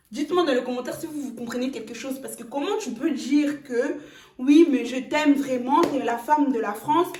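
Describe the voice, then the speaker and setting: High-voiced woman telling a story. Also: a little hiss or hum. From Congo (DRC). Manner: expressive, indignant asides to viewers. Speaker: storytelling vlogger. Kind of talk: storytime vlog. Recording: roomy echo.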